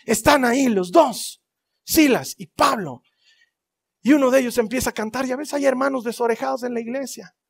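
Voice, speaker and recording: A man with a fairly high voice preaching in a church. He tells the story with lively, dramatic flair and joking asides. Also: normal speed, vocal fry, breathy edge. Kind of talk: sermon.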